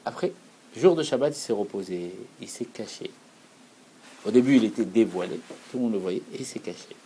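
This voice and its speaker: Mellow-voiced male Torah teacher. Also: on the low side, expressive, a little fast, a little hiss or hum, poor audio. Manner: earnest, repeats key phrases for emphasis. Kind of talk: explanatory Torah lesson.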